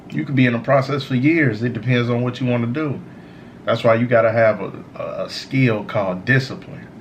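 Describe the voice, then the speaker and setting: A man who sounds high, giving a casual, slangy, meandering stoner monologue of motivational advice as a show host. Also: dull audio, slight background noise. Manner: repeats "you know" tags, informal slangy phrasing. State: high on cannabis. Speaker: host of a smoke session series.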